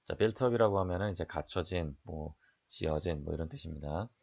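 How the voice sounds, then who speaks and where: Male English teacher, deep fry-edged voice, steady explainer for an exam lecture. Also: normal speed, highs cut off. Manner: explains sentence by sentence, reads English then translates; frequent "자" fillers, asks and answers own questions.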